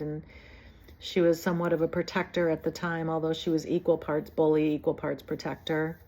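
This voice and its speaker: A woman in her fifties from New Jersey, telling her own life story in a meandering, digressive way. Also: lowish voice. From New Jersey, USA. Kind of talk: personal reminiscence.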